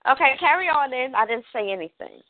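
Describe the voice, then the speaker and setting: A woman's voice: sits high, animated, fast, heavy background noise. Sassy woman caller on a tinny line. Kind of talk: casual live radio banter. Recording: dry, tinny phone line.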